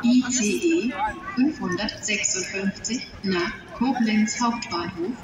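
A woman making scripted train platform announcements in a flat, measured manner, heard over a station loudspeaker. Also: mid-range voice, over music. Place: large train station hall, heard over public address. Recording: echoey station loudspeaker from far off.

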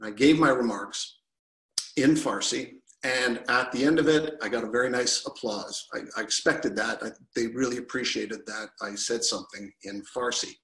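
Speaking into a webcam from his living room, a middle-aged man from Canada shares a personal story with online listeners and gestures with both hands. The audio is poor and reverberant; his medium-pitched voice is fairly bright and moves at a moderate pace.

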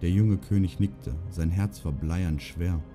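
A male audiobook narrator with a low, mellow, dark voice. He reads in a steady, measured way. Soft music runs in the background. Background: faint music.

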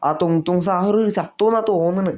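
Animated young man, gameplay commentary. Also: sits high, a little fast. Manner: animated, comic, often yelping and exclaiming. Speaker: gaming YouTuber. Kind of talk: gameplay commentary with role-play.

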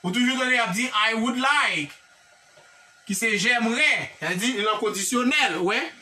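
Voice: mid-range voice, measured pace, sharp tone, recorded from a distance. A teacher with a Haitian accent giving a classroom grammar lesson, drilling example sentences one by one and checking in with the class. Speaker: English teacher.

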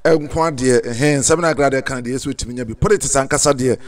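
A Ghanaian man in his thirties, a show host giving measured commentary into a studio mic in a small room. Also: medium pitch, steady tone. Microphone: studio mic and headphones.

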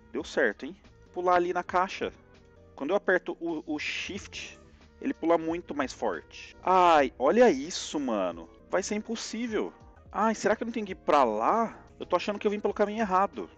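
A man with a Brazilian Portuguese accent giving lively live commentary on a platform game, yelping and groaning at each jump. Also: high-pitched, highs cut off. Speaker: streamer playing a platform game.

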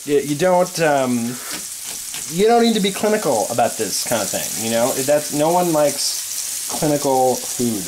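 In a cramped home kitchen with a brick wall, a young man who composes music runs a tongue-in-cheek cooking show, filling his mock-serious rambling with plenty of fillers. He speaks unhurriedly in a fairly high voice with big pitch swings, against some background noise.

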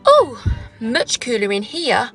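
A woman playing a brisk, teasing young aristocratic lady in a 1930s radio drama, with a dry manner. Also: fairly high pitch, huge pitch swings, fairly bright tone, faint music behind, exaggerated voice.

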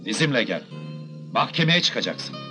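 An actor playing a stern, accusing government health inspector in a film, formal and authoritative. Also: male voice, medium pitch, very animated, normal speed, music in the background, close to an everyday voice. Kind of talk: comedy film acting.

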